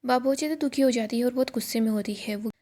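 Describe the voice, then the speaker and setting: A woman casually retelling a TV serial episode, reading out what each character says in a plain, steady way. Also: a little high, very fast. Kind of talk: casual storytelling recap.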